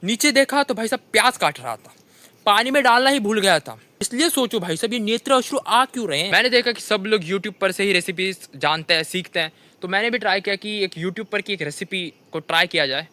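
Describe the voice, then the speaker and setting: A young man with a Hindi accent tells comic stories of his kitchen mishaps, constantly saying "bhai sahab" in an animated monologue. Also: high-pitched, a little fast. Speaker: comedian telling funny stories. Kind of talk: stand-up storytelling monologue.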